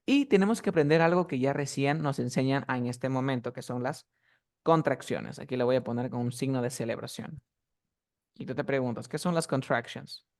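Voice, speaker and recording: A man's voice: medium pitch, moderate pace. Patient male teacher drilling words. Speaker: English teacher. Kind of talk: online class instruction.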